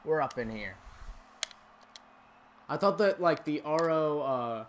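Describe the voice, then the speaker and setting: A man streaming a football video game, calling plays and chatting with viewers, bursting into shouted calls on big moments. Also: on the high side, animated, takes it slowly, slight background noise. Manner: chats with viewers between plays. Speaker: gaming streamer. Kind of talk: play-by-play game commentary.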